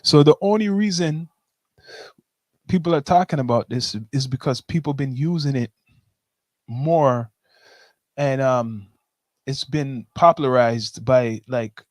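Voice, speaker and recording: A man's voice: medium pitch, measured pace, long pauses, a little mellow, no room sound. A man with a Toronto slang accent in a casual discussion, explaining his points step by step and often checking in with "right?". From Toronto, Canada.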